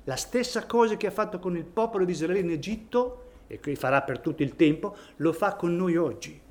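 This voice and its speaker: A man's voice: high-pitched, animated, a little fast. A man preaching a sermon in a church, reading scripture and rising to emphatic peaks on key phrases.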